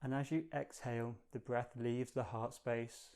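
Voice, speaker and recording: In a smooth, resonant, medium-pitched voice, a man guides listeners through meditation. His intonation barely rises or falls, and his gentle instructions come across as calm, measured and soothing.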